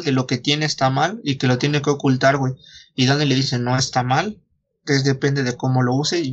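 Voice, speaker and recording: A Mexican man, a podcast host, retells a story in casual chat, slangy and foul-mouthed, acting out the dialogue as he goes. His voice is medium-pitched and the recording is muffled.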